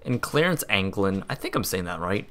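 Bright-voiced young man, chatty narration. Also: deep voice, sing-song, normal speed. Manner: rambling, chatty, laughs and trips over words. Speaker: host. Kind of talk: casual narrated history video. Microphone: voice-over.

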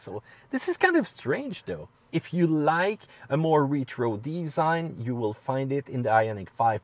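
A man with a French Canadian accent hosting a casual car review, playful and quick to laugh as he questions his co-host. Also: mid-range voice, no room sound.

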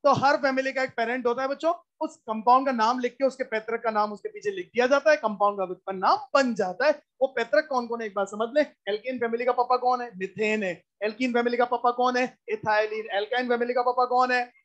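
A woman's voice: a little high, steady tone, fast, hardly any pauses, highs cut off. A woman teaching a live class in a lecture, repeating key points and constantly quizzing her students. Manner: repetitive, drilling explanations.

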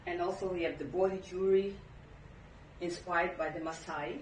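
A middle-aged woman from Tanzania, a gallery owner giving a guided tour of her shop with a friendly sales pitch. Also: fairly even intonation, moderate pace. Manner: warm sales pitch, showing items. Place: indoor gallery in a home. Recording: roomy and distant with background noise.

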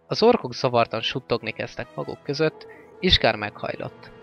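A man reading a fantasy novel aloud as an audiobook narrator, in a steady, even-paced way. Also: mid-range voice, gravelly. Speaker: audiobook reader. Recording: slightly dull lo-fi with faint music.

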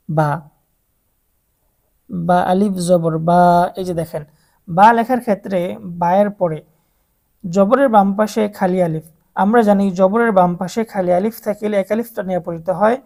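In a slow, step-by-step recitation lesson, a woman with a warm, medium-pitched voice teaches Quran reading to adult beginners. She patiently draws out each letter sound and coaches listeners to repeat after her.

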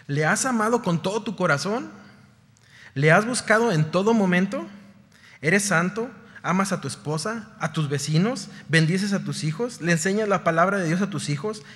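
A man's voice: high-pitched, lively intonation, moderate pace, a bit bright, long reverb tail. A man preaching a sermon, firing rhetorical questions and rising to fervent peaks. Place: church sanctuary.

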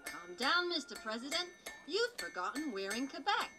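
A woman's voice: high voice, very animated, moderate pace, music in the background. A woman voicing a cheerful, helpful little girl explorer puppet, chirpy, instructive and sing-song, in a live children's show. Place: outdoor farmyard puppet booth.

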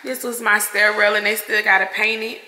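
A woman's voice: mid-range voice, completely flat delivery, normal speed, sharp tone, a little hiss or hum. A young woman, crying through an emotional vlog house tour, exclaiming and calling her viewers y'all, filmed on a handheld phone in an empty new house. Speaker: vlogger.

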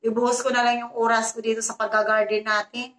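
A woman's voice: a little high, level tone, a little fast, fairly bright tone, a little hiss or hum, close to an everyday voice. A woman voicing a timid young woman from the provinces, who pleads anxiously, heard in a roomy echo. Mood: shaken.

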